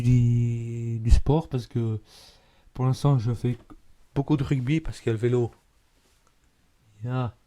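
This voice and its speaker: A man's voice: medium pitch, mellow. A man with a Belgian French accent, chatting casually to his viewers, rambling and often stumbling over words and correcting himself. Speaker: YouTuber. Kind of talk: casual vlog talk.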